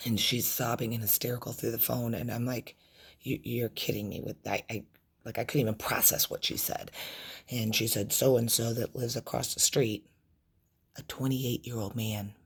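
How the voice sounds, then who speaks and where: A middle-aged woman telling a personal story in a vlog, in a halting, emotional way with many restarts and trailing phrases. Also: a bass voice, flat delivery, breathy edge. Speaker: vlogger recounting a loss.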